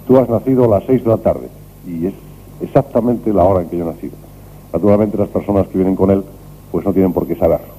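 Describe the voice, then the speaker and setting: Dark-voiced radio host, calm and measured. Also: male voice, sits low. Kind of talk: late-night radio talk. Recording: noisy old radio recording.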